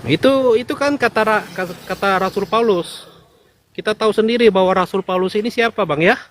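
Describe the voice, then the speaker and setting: A man's voice: sits high, fairly quick, slight background noise. A man calling into a casual debate, speaking politely and deferring to the host. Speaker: caller in live debate.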